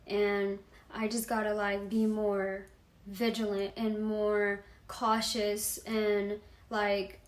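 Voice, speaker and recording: A woman's voice: medium pitch, completely flat delivery, slow pace, reverberant. Slangy young woman telling a story. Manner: slangy, fills talk with "like". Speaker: vlogger telling a personal story. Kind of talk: casual storytelling.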